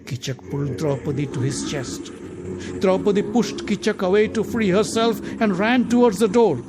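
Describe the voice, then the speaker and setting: A man narrating a scripted storybook tale, swelling dramatically on action and going hushed on quiet moments. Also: high voice, moderate pace, very noisy.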